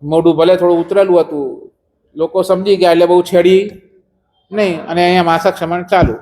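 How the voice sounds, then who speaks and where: A preacher giving a religious discourse, telling a story and quizzing the listeners with rhetorical questions. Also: male voice, sits high, steady tone, fairly quick, darkish tone.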